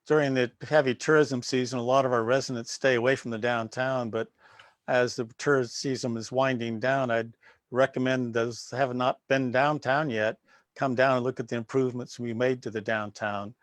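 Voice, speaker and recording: A sitting mayor answers questions at a candidate forum over a video call. He talks plainly and fills his pauses with "uh". His voice sounds dry and close. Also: mid-range voice, steady tone, no echo.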